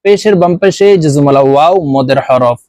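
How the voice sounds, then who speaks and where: A man teaching Quran reading, spelling out syllables slowly and repeating each one so viewers can copy. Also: on the high side, a little mellow, dry recording. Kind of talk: spelling out syllables in a recitation lesson.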